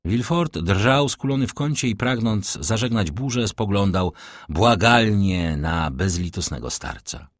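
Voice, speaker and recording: A man narrating a classic novel as an audiobook, in a measured, dramatic reading. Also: on the low side, expressive, dry recording, clean studio sound.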